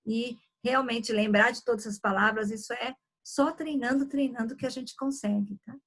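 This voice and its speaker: A woman's voice: fairly high pitch, fairly even intonation, normal speed. A woman leading a live communication workshop, explaining with examples and frequent check-ins. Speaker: communication trainer.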